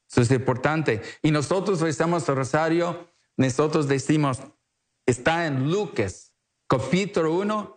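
A man preaching a televised sermon in an earnest, emotional way, with simple, halting phrasing. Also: mid-range voice.

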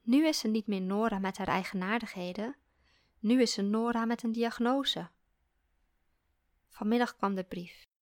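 A woman reading a story aloud in a calm, reflective way. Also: on the high side, moderate pace, long pauses, dry recording, clean studio sound. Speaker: narrator. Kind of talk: scripted story narration.

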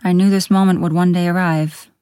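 A woman voicing a gruff yet gentle male beast in a storybook, speaking softly and solemnly. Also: lowish voice, flat delivery, a little fast, no echo, clean studio sound, natural voice. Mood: solemn confession. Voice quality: gruff, soft-spoken.

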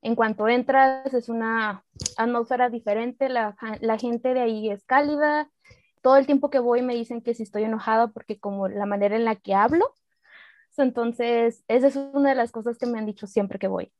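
A woman from northern Mexico with a northern Mexican accent, a guest telling stories in a relaxed, casual way with fillers. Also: fairly high pitch, normal speed, dry recording, highs cut off. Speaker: podcast guest. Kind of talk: casual conversational interview.

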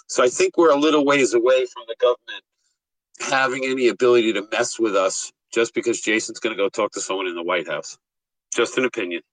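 A man with a tinny, thin sound and no bass, as if in a tin can, giving a measured, point-by-point opinion as a caller in a group chat. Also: fairly bright tone, no room sound. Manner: measured, deliberate, argues point by point. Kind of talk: casual opinion in a live discussion.

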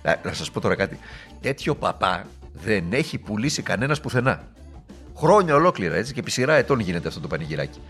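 A man's voice: lowish voice, very animated, a bit bright, soft background music. Sarcastic man giving a political speech. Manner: sarcastic and rhetorical, mocking.

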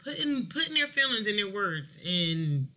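Man with a bright, sharp co-host voice. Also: high-pitched, sing-song, moderate pace. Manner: rambling, encouraging, with frequent restarts. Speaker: podcast co-host. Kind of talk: casual podcast chat about songwriting.

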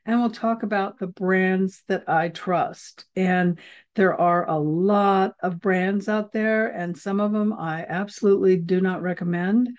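The woman's voice is medium-pitched, steady and a little mellow, and she takes her time. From the United States, she hosts a podcast and teaches a class about herbal remedies, her casual teaching full of rambling chat and fillers. It was recorded on a video call with slightly dull audio.

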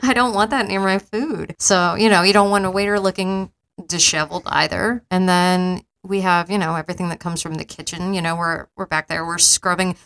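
A woman co-hosting a podcast in casual chat, laughing easily and agreeing often with quick yeahs. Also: fairly low pitch, fairly even intonation, fairly bright tone. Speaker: podcast co-host.

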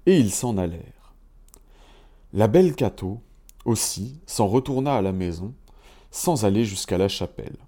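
A man reading a fairy tale aloud in a measured, even storytelling manner. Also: on the low side.

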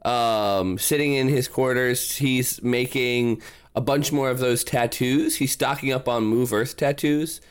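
A man's voice: medium pitch, unhurried, clear, resonant tone. A man talking casually as a player in a tabletop role-playing game, describing what his characters do.

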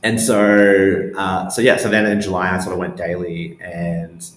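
With a deep voice and flat delivery, a man speaks a little slowly as an interview guest who founded a newsletter. His casual replies meander and hesitate, full of "like." There's a roomy echo and some faint background noise.

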